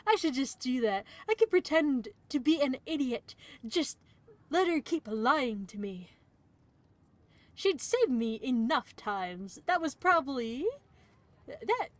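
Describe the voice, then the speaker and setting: Brief: woman streamer, high voice, dry close mic, reads a story game aloud with chatty asides. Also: no echo. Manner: reads narration aloud, breaks off for playful asides. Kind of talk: reading a visual novel aloud on stream.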